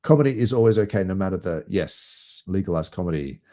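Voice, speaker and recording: Low-voiced man hosting. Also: fairly quick. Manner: relaxed, rambling, laughs easily. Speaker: host. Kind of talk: casual livestream chat.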